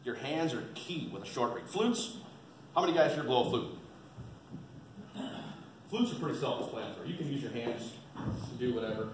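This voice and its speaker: An experienced waterfowl hunter gives an informal how-to seminar to a group at a museum, plain-spoken and folksy, repeating points for emphasis. His mid-range voice is expressive, at a moderate pace with frequent pauses. The mic is distant and roomy, with faint noise.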